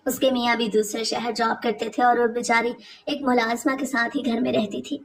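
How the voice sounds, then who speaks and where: A woman narrating a first-person family story in a steady, confiding way. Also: on the high side, normal speed, recorded from a distance, a little hiss or hum.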